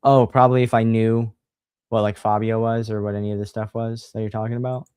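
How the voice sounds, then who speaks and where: A man hosting a livestream, chatting casually and reading a horror book aloud in a relaxed, sighing manner. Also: fairly low pitch, fairly quick, smooth, no room sound, clean studio sound. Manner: relaxed, sighing, laid-back.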